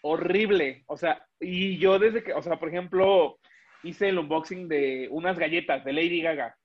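Male guest, chatty and rambling, fairly high voice, dull lo-fi audio. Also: steady tone, moderate pace. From Mexico. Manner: rambling, many restarts and fillers. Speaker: guest, illustrator and animator. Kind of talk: casual interview chat.

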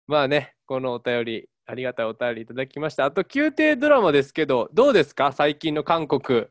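A man's voice: on the high side, animated, moderate pace, no echo, studio quality. A man with a Kansai accent co-hosting a casual radio chat, with the teasing retorts of a comic straight man. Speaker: radio show co-host.

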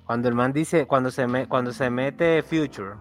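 A man's voice: mid-range voice, moderate pace. A man with a Colombian Caribbean accent talking casually on a music podcast, emphatic and slangy, often repeating himself for emphasis. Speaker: podcast co-host or guest commentator.

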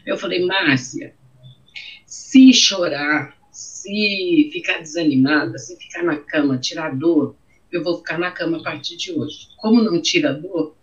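A middle-aged woman with a Brazilian accent, telling her own story in an interview, emotional and repeating her phrases. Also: fairly low pitch. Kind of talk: personal testimony in an interview. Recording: dull, muffled audio.

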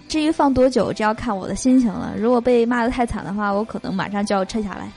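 A young woman hosting a podcast, reading jokes aloud and chatting between them with lots of drawn-out fillers. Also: on the high side, a little mellow, faint music behind. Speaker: podcast host.

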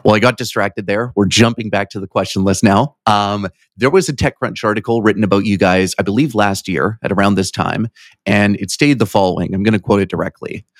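A man's voice: lowish voice, brisk, no room sound. A man hosting an interview in a casual, chatty way, informal and curious, with a self-deprecating streak. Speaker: interviewer, podcast host.

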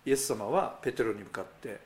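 A man's voice: medium pitch, animated, fast, a little hiss or hum. A male pastor giving a sermon in a conversational way. He speaks straight to the congregation with rhetorical asides.

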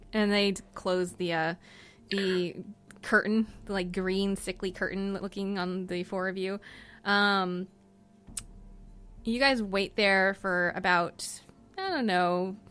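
A woman game master narrating a tabletop game in a loose, chatty way, drifting through fillers as she sets each scene. Her voice is smooth and clear at an ordinary middle pitch. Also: a bit bright.

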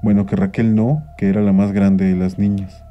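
A man, reading a children's story aloud in an expressive, animated way. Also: lowish voice, normal speed. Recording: dull lo-fi sound with faint music.

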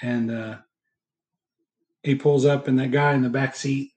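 A man's voice: medium pitch, steady tone, measured pace, darkish tone. A man hosting a casual film chat in a hesitant, rambling way. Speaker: podcast host. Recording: echoey, roomy sound.

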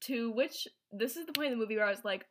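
A woman's voice: fairly high pitch, animated, fast talker, a bit bright, a little hiss or hum. A woman retelling a film's plot to a friend in casual chat, rambling, with many fillers and restarts. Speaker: presenter recapping a film.

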